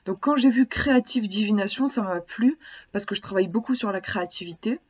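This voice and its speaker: A woman vlogger chats to the camera about a book she likes. She sounds eager and keeps hesitating and starting sentences over. Her voice sits at an ordinary pitch for a woman, and the recording is slightly dull and lo-fi. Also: a little fast, slightly rough. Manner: hesitant, many restarts, chatty and eager. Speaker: vlogger reviewing a divination book. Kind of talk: casual vlog talk to camera.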